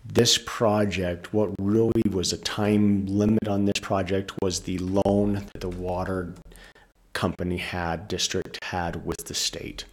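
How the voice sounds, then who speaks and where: A man presenting a project at a county commission meeting, speaking in a steady monotone. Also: deep voice. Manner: monotone, measured.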